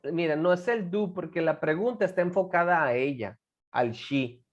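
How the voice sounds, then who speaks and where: A woman's voice: on the low side, normal speed, highs cut off. A woman teaching an English class, patiently coaxing students with guiding questions and drilling pronunciation by repeating words.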